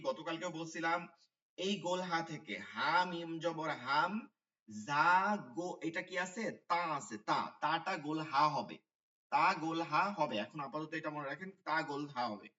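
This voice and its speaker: A man's voice: on the high side, animated, normal speed, bright, forceful tone, reverberant, distant mic, lo-fi sound. A man teaching Quran letter pronunciation in an online class, patiently repeating the sounds and checking with his students. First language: Bengali.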